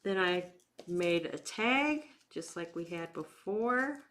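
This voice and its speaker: A woman leads a casual craft demonstration in a slightly low voice. She talks informally through each step as she works, taking her time. Faint noise sits in the background. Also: lively intonation, a bit bright. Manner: informal, unhurried, talking while working with hands. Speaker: craft instructor and bingo night host.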